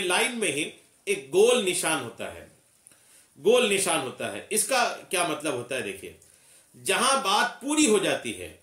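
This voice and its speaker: Bright, lively-voiced male religious teacher. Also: sits high, reverberant, distant mic. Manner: explanatory, repeats key points, asks and answers own questions. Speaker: Islamic scholar teaching Quran recitation. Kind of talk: religious lesson.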